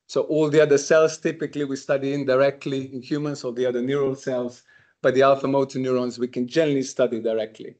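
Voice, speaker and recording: A man's voice: medium pitch, level tone, quick pace, darkish tone. A man from Slovenia giving an academic lecture in English, explaining in a conversational way with frequent ums and restarts. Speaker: university researcher giving a lecture. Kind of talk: academic lecture at a summer school. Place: lecture room.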